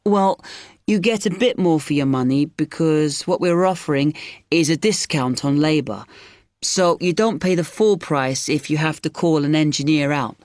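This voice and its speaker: A helpful shop assistant played by an actor explains products in a scripted listening-test dialogue. The pitch sits mid-range, and the recording is dry with little room sound. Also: normal speed, a little mellow, dry recording, natural voice. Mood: helpful, informative.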